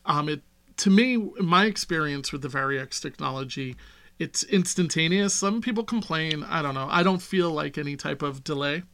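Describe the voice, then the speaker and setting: An eager Long Island man hosts a relaxed podcast chat, laughing easily. His voice sits fairly high for a man. The tone is clear and bright. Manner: enthusiastic, quick to laugh. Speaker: podcast host. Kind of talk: casual interview chat.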